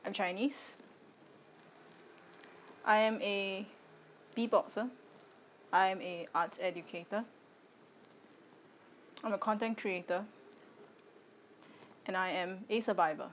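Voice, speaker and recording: Speaking to the camera, a woman from Singapore in her late twenties, a content creator, delivers a personal statement in brief, deliberate, firm phrases at a typical female pitch. The recording is muffled, with slight background noise.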